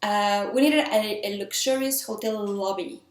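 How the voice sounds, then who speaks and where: A Mexican independent filmmaker, whose Mexican accent carries a touch of French, shares filmmaking tips in a casual, earnest, chatty, and enthusiastic way. Her medium-pitched voice is a little slow, and the recording has a roomy echo.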